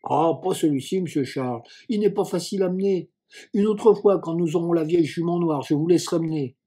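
A man's voice: a little high, fairly quick, mellow, natural voice. A man reading as a cautious farm servant. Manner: plain-spoken, deferential.

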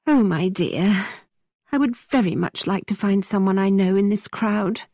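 A woman's voice: mid-range voice, measured pace, dark tone, no echo, studio quality, voice pushed up. A woman voicing a fretful middle-aged lady chaperone with a plaintive manner. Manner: plaintive, repeating complaint.

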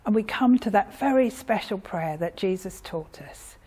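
A woman leading children in a prayer, gentle and slow. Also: mid-range voice, lively intonation, slightly rough. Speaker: prayer leader.

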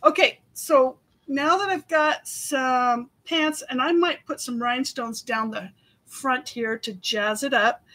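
A woman's voice: high voice, takes it slowly, a bit bright, poor audio. A woman hosting a live craft tutorial, chatty and giggly, laughing often as she explains each step. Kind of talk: live craft demonstration chat.

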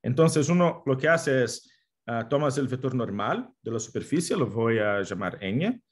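Halting non-native Spanish-speaking man lecturing. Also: medium pitch, expressive, breathy edge. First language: not Spanish. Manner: halting, searching for words. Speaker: guest lecturer, mathematics professor. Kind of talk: academic online lecture. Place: indoor room, video call.

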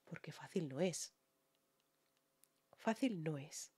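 A woman with a Peninsular Spanish accent, a singer giving excited music reaction commentary to her viewers, often repeating words for emphasis. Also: sits low, slow, husky. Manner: talks to viewers with frequent tag questions.

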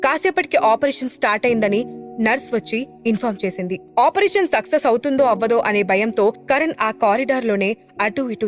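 A woman narrating a dramatic family audio story in an expressive, even storytelling manner. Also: a little high.

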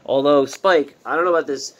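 A man hosting a playful casual chat, interviewing a pretend alien in a gentle, encouraging, amused way. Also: a little high, a little fast, background noise.

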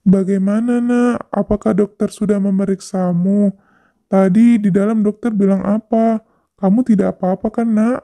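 A woman doing a worried low-voiced dad. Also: fairly even intonation, moderate pace, close to an everyday voice. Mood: concerned. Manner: gentle, anxious questioning. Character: caring middle-aged father of a teen girl.

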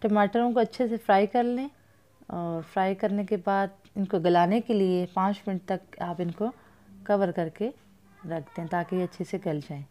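A woman's voice: medium pitch, moderate pace, mellow. A young woman with a Pakistani Urdu accent narrating a recipe for her cooking vlog in a chatty way, speaking to viewers as friends.

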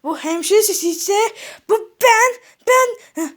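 A goofy, easily rattled male cartoon character, voiced by a woman. The voice sits extremely high and squeaky, full of loud exclamations. He swings between panic and giggles. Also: animated, slow pace, exaggerated voice. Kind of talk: cartoon voice acting.

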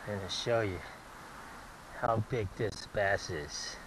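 A man narrates his catch at the water's edge in a slow, somewhat low voice, stumbling over fillers and repeating himself. He is recorded outdoors on a head-mounted camera. Clear outdoor noise and passing traffic sit behind him. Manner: halting, many fillers and repeats. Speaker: angler filming his catch. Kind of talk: casual fishing vlog narration. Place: outdoors at a pond bank. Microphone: head-mounted action camera.

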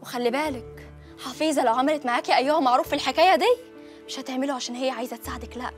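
A woman's voice: sits high, rapid-fire, soft background music, close to an everyday voice. A woman playing a soothing Egyptian village neighbor. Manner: soothing, coaxing. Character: consoling village neighbor woman giving advice.

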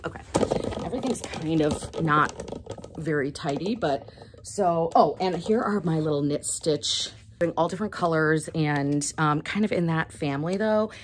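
A woman's voice: deep voice, fairly bright tone. A woman in her thirties, a shop owner vlogging in casual chat from a small indoor shop room on a clip-on mic, bubbly and chatty, laughing often. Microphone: clip-on lapel mic.

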